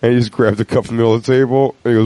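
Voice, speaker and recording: A man's voice: mid-range voice, flat delivery, very fast, dark tone, dry recording. A male podcast host in casual comedy chat, swearing and laughing through short anecdotes.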